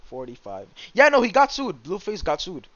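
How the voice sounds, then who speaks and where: A young man hosting a podcast, ranting loudly and crudely, breaking into squealing acted outbursts. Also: sits high, huge pitch swings, normal speed, dull audio, crowd noise. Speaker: podcast host. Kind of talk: casual podcast chat.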